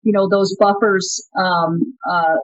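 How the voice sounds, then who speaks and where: The guest, a co-founder of a company, takes things slowly in a mid-range voice with fairly even intonation. Her thoughtful answers are full of fillers and restarts, and her audio is dry, roomless and a bit dull, as over a remote connection.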